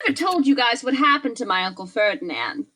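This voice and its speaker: A woman playing a character in a tabletop role-play game, speaking slowly and playfully. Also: fairly high pitch, very animated, a bit bright. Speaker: guest player.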